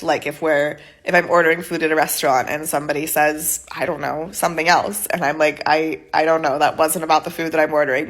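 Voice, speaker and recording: A woman's voice: on the low side, fairly bright tone. An American woman with a head cold and a nasal voice, chatting casually to camera in a rambling way, often saying "like". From United States. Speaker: vlogger and EFL teacher. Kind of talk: casual talking-head vlog.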